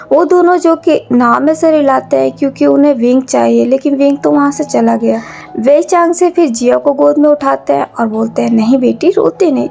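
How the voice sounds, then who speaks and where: A woman's voice: high-pitched, gravelly, mellow. A woman narrating a fan fiction story in a casual storytelling style, talking to her audience. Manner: casual, mixing English words, addresses audience.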